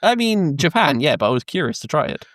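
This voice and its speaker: A man's voice: fairly high pitch, very animated, fast talker, a bit bright, no echo, clean studio sound. Chatty British man telling travel stories. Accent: British English. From Britain. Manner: rambling storyteller, swears, laughs mid-sentence, many ums. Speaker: podcast co-host. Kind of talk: casual podcast chat. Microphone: close podcast mic, dry sound.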